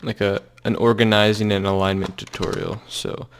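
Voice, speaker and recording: A young man talks through his screen tutorial in a loose, halting way, trailing off and restarting often. His voice sits on the low side with a gravelly edge. Keyboard typing can be heard behind him. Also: level tone, a little hiss or hum. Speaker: software tutorial maker. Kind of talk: casual screen-recorded tutorial.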